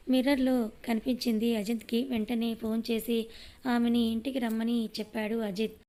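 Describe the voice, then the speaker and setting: Woman with a steady, dark narrating voice. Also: fairly high pitch. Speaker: storyteller. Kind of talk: scripted narration of an audio story.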